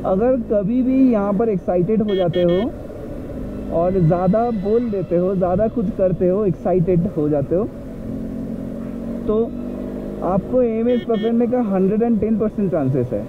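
A man's voice: high-pitched, a little slow, narrow, tinny audio, background noise. A man riding a motorbike, explaining the road in a casual, chatty way as a travel vlogger. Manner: chatty, explanatory, mixes in English words. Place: on a motorbike on an open mountain road.

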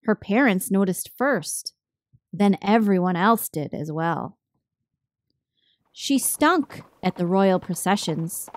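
A woman reading a children's picture book aloud in an expressive, sing-song way. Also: medium pitch, takes it slowly, no room sound, studio quality. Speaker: storyteller.

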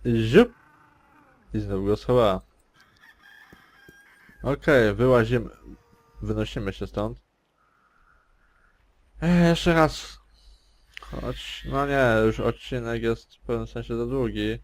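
A man's voice: medium pitch, slow pace, long pauses, no echo. A man casually commentating his own gameplay, talking in an offhand, mumbling way. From Poland. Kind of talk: casual let's play commentary.

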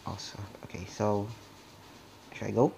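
A man's voice: fairly low pitch, steady tone, unhurried, creaky, mellow, slight background noise. A man playing a horror game and commenting on it, jumpy and nervous, often dropping to a whisper and muttering mild curses to himself. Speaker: gamer. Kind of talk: horror let's play commentary.

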